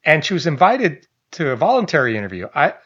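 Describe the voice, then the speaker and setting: An online commentator reads a news article aloud and adds casual remarks, with chatty asides, restarts and little chuckles. His fairly high voice swings hugely in pitch and moves fast, a bit bright with a breathy edge. The lo-fi audio sounds slightly dull.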